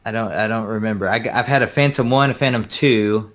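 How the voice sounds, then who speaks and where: A man's voice: fairly low pitch, fairly quick, fairly bright tone. A man joining a live stream as a guest drone pilot, explaining things in a friendly way over a video call, with hesitant uhs. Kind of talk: casual video-call chat.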